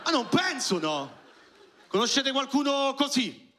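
A male stand-up comedian, performing an animated routine and shouting his punchlines. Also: very high-pitched, a little slow. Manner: animated, shouts punchlines, acts out quoted voices. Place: comedy club stage with live audience.

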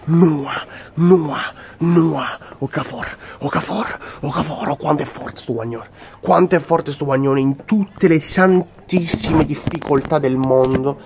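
A man's voice: on the high side, slow, a little mellow, a little hiss or hum. A sick, run-down man with a southern Italian accent gives an emotional, repetitive, exclamatory football fan reaction. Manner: impassioned, repetitive exclaiming of a player's name. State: sick, run-down, unable to shout.

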